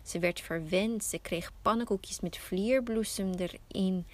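A woman hosting a podcast, telling a fairy tale slowly and softly, often close to a whisper. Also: medium pitch. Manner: slow, soft storytelling, often near a whisper. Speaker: podcast host and storyteller.

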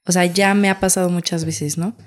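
A young woman with a Mexican accent, telling her experiences in a casual, lively interview and acting out what people said. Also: on the low side, brisk. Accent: Mexican Spanish. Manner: lively, acts out quotes, frequent fillers. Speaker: guest.

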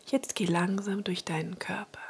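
A woman guiding a relaxation meditation in a soft, soothing spa-like whisper, breathy and husky. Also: medium pitch, fairly even intonation, moderate pace. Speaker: relaxation exercise guide.

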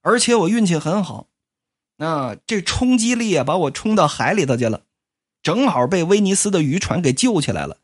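Woman doing a cocky young guy, swaggering, stammering, lively swooping pitch. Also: moderate pace, slightly rough. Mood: flustered. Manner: swaggering, quarrelsome, bursts into flustered stammering. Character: brash cocky young man back from the dead. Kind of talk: comic storytelling.

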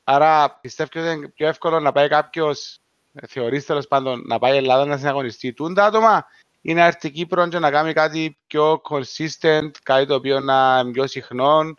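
Male, Cypriot Greek accent, smooth clear voice, casual discussion, dry and slightly dull recording. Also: fairly high pitch, a bit bright, no room sound.

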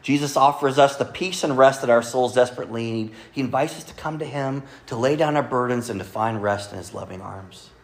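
A man preaching a Sunday sermon to a congregation, earnestly quoting scripture and often dropping to a soft, quiet delivery. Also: medium pitch, a little fast, few pauses. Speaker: pastor. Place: church service with congregation.

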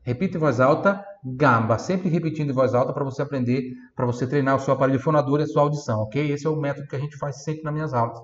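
A man teaches pronunciation in a patient, repetitive way, slowing down to spell each word letter by letter. His voice sits at an everyday middle pitch. The room echoes around him, and the recording sounds a little dull. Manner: patient, drills words slowly, spells letter by letter, frequent "né" and "tá". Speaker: Italian teacher. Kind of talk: online language lesson. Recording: roomy, slightly dull sound.

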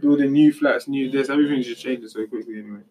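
A man's voice: mid-range voice, fairly even intonation, fast talker, distant mic, noisy background. Young London roadman, slangy and emphatic. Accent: London, urban street slang. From London, England. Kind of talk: casual group chat.

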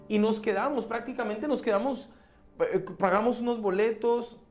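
A man's voice: high voice, a little mellow. A man, a pastor, preaching a sermon and telling a personal story in an earnest way, repeating key phrases.

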